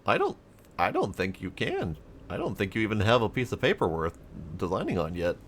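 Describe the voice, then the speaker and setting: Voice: low-pitched, wildly swooping pitch, fairly quick. A game streamer giving casual, sarcastic and irreverent commentary while playing.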